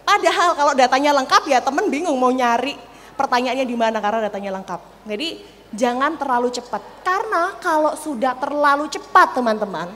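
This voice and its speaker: A young woman with an East Javanese accent giving a lively, playful public speaking workshop, laughing often and demonstrating voice techniques. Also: sits high, fairly quick. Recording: reverberant hall, faint noise.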